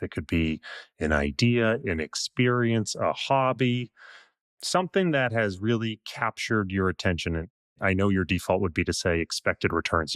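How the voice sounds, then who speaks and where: A male podcast host with a somewhat low voice asks his guest questions in a polite, orderly manner. He sounds relaxed and courteous. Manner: courteous, wrapping up with a set closing question. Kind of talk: interview hosting.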